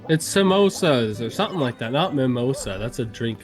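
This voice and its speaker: This game stream co-host talks in a medium, expressive voice at a brisk clip with music playing behind him. Choking slightly on a coffee bean, he rambles, laughs a lot and reads out viewer comments in a casual chat.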